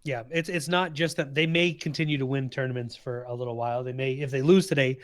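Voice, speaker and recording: A man's voice: mid-range voice, fairly even intonation, fast. A man co-casting a live esports final, hyping the match and teasing his partner between analysis. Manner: hyped, teasing banter with co-caster. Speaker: esports caster.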